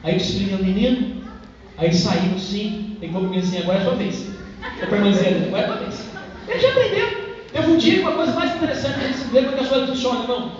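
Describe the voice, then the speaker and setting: A man's voice: high voice, animated, quick pace, crowd noise. A man with a Brazilian accent preaching a sermon as a pastor, speaking with passion but in a conversational way, often addressing listeners directly. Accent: Brazilian Portuguese. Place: church hall. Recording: echoey church hall, distant dull mic.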